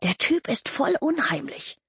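A woman's voice: sits high, sing-song, a little slow, fairly bright tone, voice pushed up, heavily acted. A woman doing a sneering teenage boy. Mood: scornful. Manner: scornful, gossipy slang. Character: teenage boy Kevin, mocking and suspicious. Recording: dull lo-fi audio.

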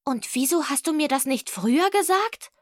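A woman's voice: sits high, expressive, moderate pace, no room sound, clean studio sound, voice pushed up. A woman voicing a chatty young schoolgirl who wears braces and sometimes mumbles a little, read in a children's audiobook. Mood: insistent. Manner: slightly mumbly, eager.

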